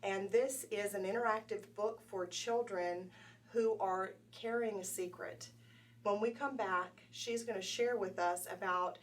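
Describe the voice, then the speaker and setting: A woman's voice: mid-range voice, far from the mic, a little hiss or hum. A woman hosting a talk show, opening the episode and reflecting on the topic.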